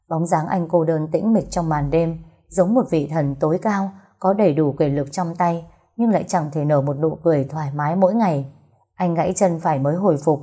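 A woman narrating a romance audiobook in a steady storytelling voice. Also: on the low side, slightly rough.

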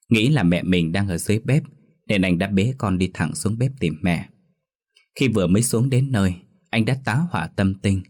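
A man narrating a scripted ghost story in a steady storytelling manner. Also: sits low.

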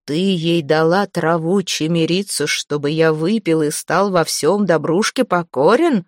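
A woman voicing a vengeful dead husband back from the grave, talking low, slow and with contempt. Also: no echo, clean studio sound. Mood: menacing.

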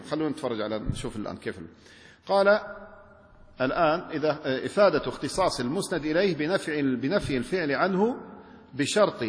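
A man teaching rhetoric as a sheikh, in a lively classroom lecture full of questions to his students and quick restarts. His voice sits a little high and races along. The room rings with a long hall reverb.

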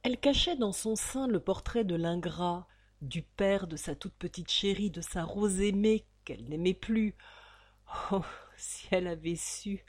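A woman reading a novel aloud as an audiobook narrator, in an expressive, theatrical manner. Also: on the low side. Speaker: audiobook reader.

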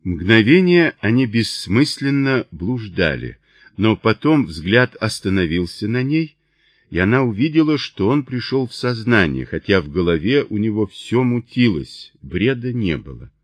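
A man narrating a thriller audiobook in a measured, expressive way. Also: on the low side, dry recording.

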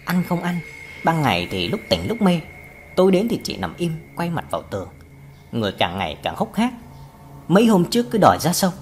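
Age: older. Figure: a woman voicing a grieving old village man. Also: lowish voice. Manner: broken, sobbing pleas.

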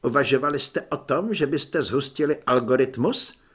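A man voicing a keen, clever young soldier in an audiobook, explaining his ideas eagerly and quickly. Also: medium pitch, fairly bright tone, slightly rough. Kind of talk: audiobook character voice.

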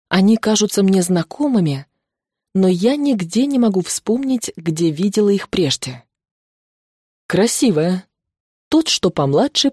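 A woman narrating a novel in the first person, expressive and lively. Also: on the low side, husky, dry recording, studio quality.

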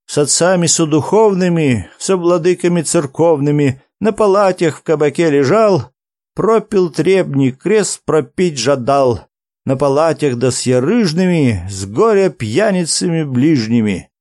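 A man's voice: medium pitch, measured pace, mellow, no room sound, studio quality, close to an everyday voice. A man voicing a skinny, drunken male monk with a nasal voice. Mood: tipsy.

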